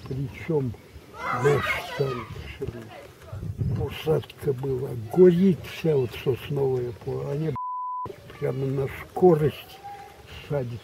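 An elderly man, a war veteran, telling a rambling grandpa story in a halting, repetitive, colloquial way. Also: medium pitch, vocal fry, mellow. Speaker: war veteran recounting memories. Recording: distant mic, muffled, background noise.

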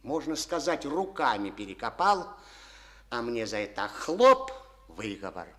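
A man voices a bitter, resentful, stubborn collective-farm chairman in a studio radio play, talking in a folksy, proverb-heavy way. His mid-range voice moves in big pitch swings, a little slow and a bit bright.

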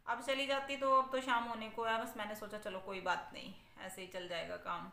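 Woman, vlogger, chatty, bright tone, echoey room. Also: fairly high pitch, little pitch movement, fairly quick. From India. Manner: chatty, conversational, asks viewers for opinions. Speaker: family vlogger, mother of sons. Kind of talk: casual vlog talk to viewers.

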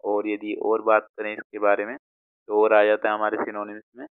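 Indian male tutor, low flat delivery, tinny dry phone-like sound, patient and repetitive. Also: a little fast, clear, resonant tone, dry recording. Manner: patient, repeats words, frequent check-ins. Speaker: vocabulary teacher. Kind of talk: explaining word meanings, mixing Hindi and English.

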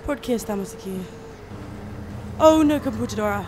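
A woman doing horror game commentary who talks in a nervous, frightened, halting way. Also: on the high side, expressive, darkish tone, a little hiss or hum. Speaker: let's player.

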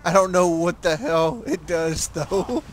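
A man's voice: on the high side, a little slow, a little hiss or hum. A man chatting casually while playing a war game, joking and laughing often. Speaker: game player. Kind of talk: casual gameplay commentary.

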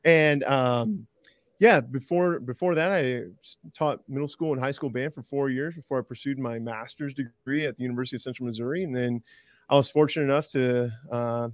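A man's voice: mid-range voice, fairly quick, no echo. A Canadian man in his thirties, a guest band director, chatting eagerly in a loose, rambling way with many restarts. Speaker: university director of bands, guest. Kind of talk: casual interview chat.

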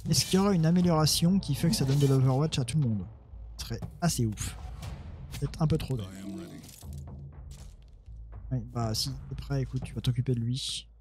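A let's play gamer casually comments on his own strategy game in a medium voice, a little fast with long pauses against a noisy background. He mutters, mocks himself and talks to his units.

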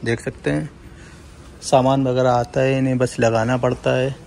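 Walking viewers through a large indoor supermarket with a handheld phone, a young Indian vlogger chats casually and repeatedly calls them "friends." He speaks at normal speed in a level, medium-pitched voice that is gravelly and darkish.

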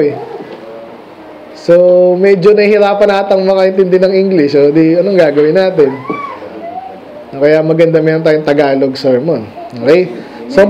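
High-voiced man preaching a conversational sermon. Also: dark tone, dull audio, a little hiss or hum. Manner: conversational, asks the congregation questions; mixes English phrases into his speech. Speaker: pastor. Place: church sanctuary.

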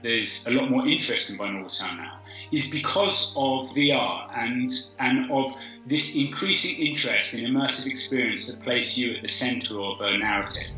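A man's voice: medium pitch, pushed and bright. A man explaining his work in an interview from home over a video call, with some hesitations. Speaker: interviewee, audio producer. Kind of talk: interview answers. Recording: dull echoey video-call audio.

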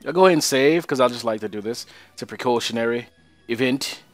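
A man's voice: medium pitch, fast, no room sound, faint music behind. A young man casually commentating a video game he plays, joking and talking to his viewers. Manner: joking, chatty, talks to viewers. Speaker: let's play host.

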